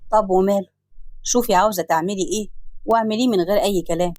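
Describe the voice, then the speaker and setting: A woman with an Egyptian Arabic accent voicing a calm, reassuring husband in her own voice. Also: mid-range voice, very fast, no room sound, clean studio sound, close to an everyday voice. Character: supportive husband, calm and easygoing.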